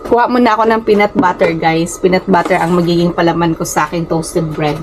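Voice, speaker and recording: Isang babaeng vlogger na lumaki sa Pilipinas at may puntong Pilipino, kaswal na nakikipagkuwentuhan sa mga manonood sa kanyang maliit na kuwarto, at paminsan-minsang nabubulol. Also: female voice, lowish voice, steady tone, brisk, background noise. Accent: Filipino. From Philippines. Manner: chatty, often addresses viewers as guys, stumbles over words. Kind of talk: casual chat to viewers. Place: small rented room at home.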